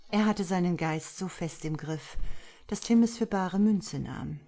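A woman with a low voice narrates a thriller audiobook. Her reading is measured and dramatic. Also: dark tone.

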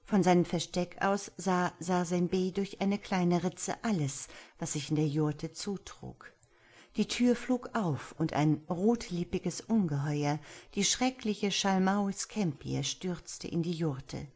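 A woman narrating a fairy tale in a measured, expressive storytelling manner. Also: lowish voice, breathy edge. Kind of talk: audiobook fairy-tale reading.

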